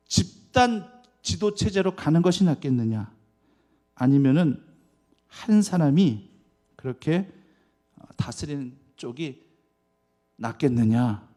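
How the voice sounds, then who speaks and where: A man preaching as a pastor in a church. He keeps asking the congregation rhetorical questions and swings from loud, stressed words to quiet asides. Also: a little high. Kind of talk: sermon. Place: church sanctuary.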